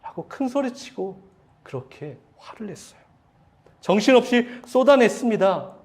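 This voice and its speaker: A male pastor delivers an emotional sermon in a fairly high voice. He talks straight to the congregation, asks questions, and swells in intensity when he acts out quoted pleas. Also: darkish tone.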